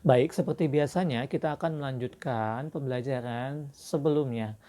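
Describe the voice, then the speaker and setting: A man's voice: mid-range voice, normal speed, mellow. A man teaching a religious school class to young children, explaining patiently with many fillers and restarts.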